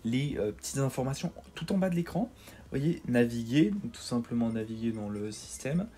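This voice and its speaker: A man's voice: medium pitch, expressive, moderate pace, mellow. A man giving a casual, hesitant voice-over tutorial for a video game, with many fillers and repeated words. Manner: self-deprecating. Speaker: gaming tutorial host.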